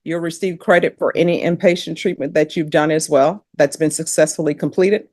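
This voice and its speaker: A woman's voice: deep voice, steady tone, brisk, darkish tone, no echo, clean studio sound. A woman judge, presiding over a court hearing in a firm, direct manner.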